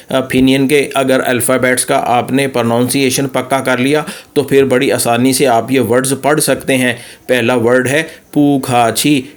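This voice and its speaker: A man teaches pronunciation over slides, slowly repeating sounds for practice. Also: mid-range voice. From Pakistan. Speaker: language teacher. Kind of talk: slide-based pronunciation lesson.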